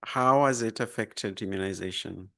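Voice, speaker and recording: A man's voice: fairly low pitch, moderate pace, creaky, pushed and bright. A man informally moderating a round of introductions, putting questions to the group. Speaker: session moderator.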